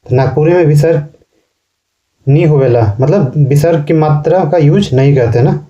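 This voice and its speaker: A man teaching a class in slow, repetitive explanations, often ending sentences with a questioning tag. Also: fairly high pitch, dark tone, dull audio. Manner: explains slowly, repeats words and ends sentences with a questioning "ना". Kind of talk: classroom lecture.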